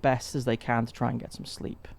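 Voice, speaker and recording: A man's voice: medium pitch, flat delivery, vocal fry. A man narrating and joking as game master of a tabletop role-playing game. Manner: playful, jokey, quick asides.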